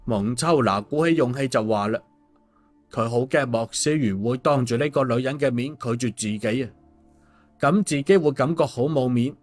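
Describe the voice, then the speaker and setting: A man narrates a scripted story for an audiobook at a moderate pace and an ordinary middle pitch. Soft background music plays behind his voice.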